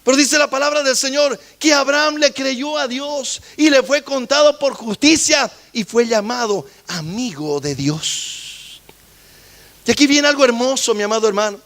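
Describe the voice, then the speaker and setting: High-voiced man preaching a sermon. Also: normal speed, fairly bright tone. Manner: preaching, repeatedly addressing the congregation. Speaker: pastor.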